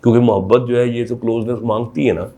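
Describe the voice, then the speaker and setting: A man talks as a doctor explaining to camera. He is emphatic and asks many rhetorical questions in a mid-pitched voice. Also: fairly even intonation, fast talker, dark tone. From Pakistan. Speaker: sexologist doctor.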